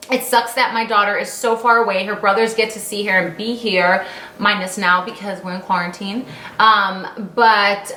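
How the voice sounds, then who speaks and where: A woman in her late thirties talks casually to her channel, rambling along with plenty of fillers and self-corrections. Her pitch sits in a middle range, and the room adds a clear echo around her voice. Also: fairly bright tone. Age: 30s. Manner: rambling, many fillers and restarts. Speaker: vlogger. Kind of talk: casual story-time chat. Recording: roomy echo.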